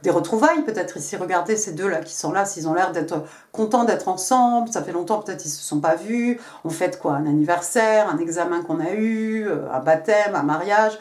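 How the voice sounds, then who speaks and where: A woman's voice: fairly low pitch, normal speed, hardly any pauses, a little mellow. A woman giving a casual tarot reading to camera, chatty and full of fillers, speaking directly to her viewers. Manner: chatty, many fillers and hein. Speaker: tarot reader. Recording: echoey room.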